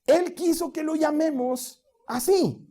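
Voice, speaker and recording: A man's voice: high voice, lively intonation, normal speed, darkish tone. A male pastor preaching a sermon in a conversational teaching manner, often checking in with his listeners.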